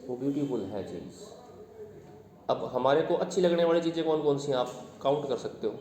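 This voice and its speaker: A man's voice: medium pitch, animated, normal speed, darkish tone. Man teaching in an echoey classroom. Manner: explains patiently, quizzes the class with questions. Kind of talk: classroom lecture. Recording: echoey classroom with long reverb.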